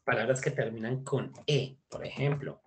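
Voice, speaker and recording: A man's voice: medium pitch, fairly even intonation, moderate pace, a little hiss or hum. A man teaching an online English class, chatty and mixing English phrases into his explanations. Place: video call.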